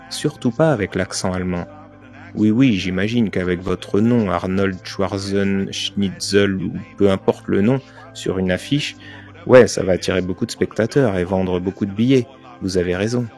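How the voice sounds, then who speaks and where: A man with a lowish, slightly mellow voice narrates a dubbed motivational speech in the first person. He tells his own story earnestly, with emphatic turns along the way.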